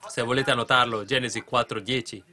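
A man preaching a sermon with fervent delivery, rising to loud declarations and dropping to quiet asides to the congregation. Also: mid-range voice, fairly even intonation, a little fast. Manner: keeps asking the congregation "capite?".

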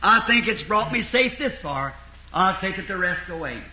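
A man delivers a sermon as a rambling folksy story. His voice sits very high and sounds sharp and bright. The recording is roomy, with echo all around him. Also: animated, unhurried. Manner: folksy, rambling retelling with repeated "he said". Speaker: preacher.

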